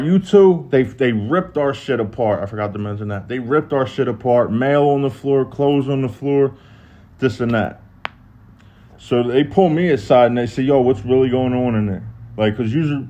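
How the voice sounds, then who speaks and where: Profane, animated Philadelphia man telling stories. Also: dull audio. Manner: animated, profane, acts out other people's lines in a higher voice. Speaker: host telling prison stories on a live stream. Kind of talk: casual storytelling, live stream.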